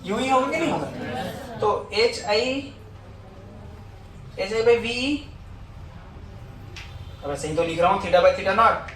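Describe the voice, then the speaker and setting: A man's voice: high-pitched, a bit bright, a little hiss or hum. Coaxing male teacher in an echoey room. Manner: coaxing, asks students for constant confirmation; dictates notes slowly. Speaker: physics teacher. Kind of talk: classroom lecture. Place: classroom. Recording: echoey classroom from far off.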